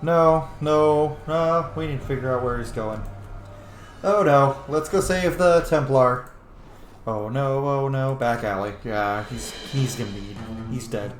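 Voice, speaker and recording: Speaking a little slowly in a mid-range voice, a man swears and reacts casually through a let's-play session. The recording has a roomy echo, with the game's music running in the background.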